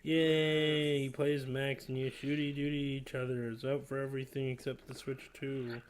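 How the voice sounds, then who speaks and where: A male host riffing through a games showcase in a loose, casual chat. He swears freely and sounds fed up, with his pitch sitting in an ordinary middle range. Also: level tone, normal speed, a little hiss or hum. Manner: profane, exasperated ranting.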